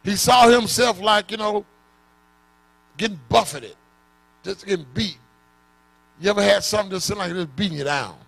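A man preaching a sermon, questioning his congregation in call-and-response and bursting into shouts. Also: sits high, moderate pace, creaky, long pauses.

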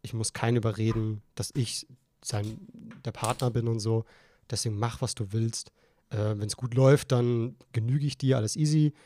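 Ein junger Mann, der als Co-Host eines Podcasts angetrunken und sprunghaft erzählt, mit vielen Neuanfängen. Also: male voice, mid-range voice, fairly even intonation, normal speed, warm tone, a little hiss or hum. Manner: rambling, tipsy storytelling with frequent restarts. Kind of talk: casual chat.

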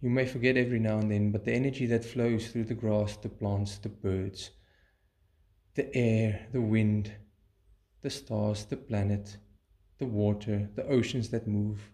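In a lowish voice, a man guides a meditation, speaking calmly, soothingly and at a measured pace, with pauses between his short phrases.

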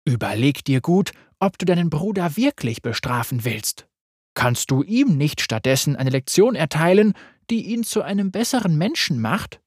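Narrator doing a calm older auntie, gentle, husky, storybook. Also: medium pitch, moderate pace, no echo, studio quality. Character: gentle older woman aunt. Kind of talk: read-aloud storytelling.

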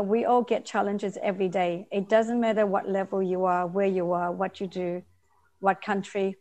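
A woman's voice: mid-range voice, mellow. A woman in her forties from Vietnam, answering interview questions earnestly and often repeating her key phrases. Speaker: interview guest, nonprofit founder.

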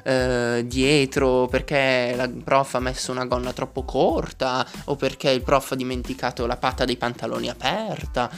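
A man's voice: mid-range voice, steady tone, normal speed, few pauses. A man hosting a comic monologue, talking in a sarcastic, joking rant. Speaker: host.

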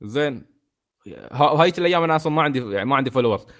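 A man with an Emirati Arabic accent, chatting on a gaming podcast, ranting in an animated way with frequent restarts. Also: fairly high pitch, very fast. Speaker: podcast co-host. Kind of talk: casual gaming podcast chat.

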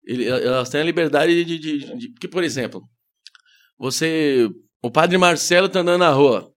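A man's voice: a little high, moderate pace. A Brazilian man, a comedian, chatting casually and telling anecdotes, calling himself shy and acting out the people he quotes. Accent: Brazilian Portuguese. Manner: shy, self-deprecating storyteller who acts out quoted voices. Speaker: comedian guest. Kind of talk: casual podcast chat.

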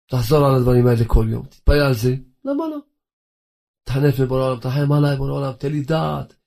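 A man's voice: mid-range voice, lively intonation, creaky, mellow. A man delivering a fervent religious sermon, firing rhetorical questions at his listeners. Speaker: preacher.

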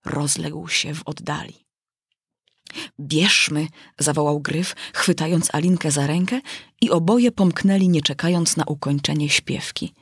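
A woman reading a children's story aloud as an audiobook narrator, in a measured, gentle way. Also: low voice, husky, dry recording, clean studio sound. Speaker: audiobook reader. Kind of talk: scripted narration of a children's classic.

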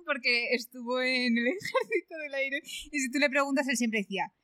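High-voiced woman telling an anecdote. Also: expressive, moderate pace, pushed and bright, clear, resonant tone, dry recording, studio quality. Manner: tells a funny anecdote, laughing through it. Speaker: podcast co-host. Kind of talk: casual chat.

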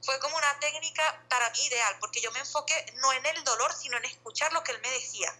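Fast-talking woman on a call. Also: high voice, pushed and bright, low-quality recording. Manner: fast, rambling, many fillers and restarts. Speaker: guest sharing birth story. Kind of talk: casual conversational storytelling.

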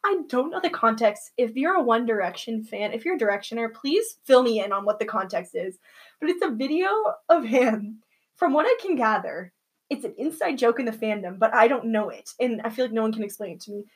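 Chatty, giggly young woman, slightly high. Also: lively intonation, a little fast. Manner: giggly, chatty, many fillers. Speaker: co-host. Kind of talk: casual chat.

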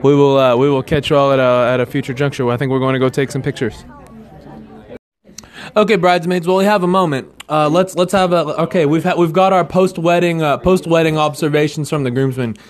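A man's voice: on the high side, steady tone, fairly quick. Joking man hosting a wedding podcast. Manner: playful, teasing, lots of filler words. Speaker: host of an amateur wedding podcast. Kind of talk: casual chat, interviewing guests. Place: outdoor wedding reception, hot and muggy. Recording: music playing behind the voice.

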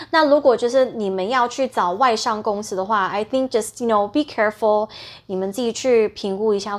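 A woman speaks in a fairly high voice. She chats casually as a podcast co-host and moves freely between Mandarin and English within a sentence. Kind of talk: casual chat.

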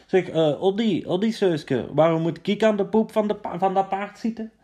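A man's voice: moderate pace, dark tone, natural voice. A man doing a whiny, squealing soldier. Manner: high complaining squeal.

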